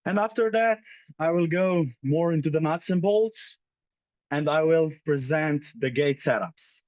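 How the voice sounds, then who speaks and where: A man's voice: fairly high pitch, measured pace, a little mellow, dry recording, dull audio. A young man from Slovenia giving a conference presentation as head of a ski demo team, hesitant with many fillers. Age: young adult.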